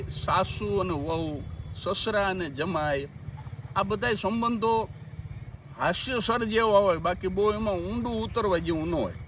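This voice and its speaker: A man with a Gujarati accent tells jokes and funny stories on stage, his voice sitting high for a man. He chats with the crowd as if talking to friends. A faint hiss of noise runs under the live recording. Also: a bit bright. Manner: chatty joke-telling, addressing the audience as friends. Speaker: stand-up comedian. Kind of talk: Gujarati folk stand-up storytelling.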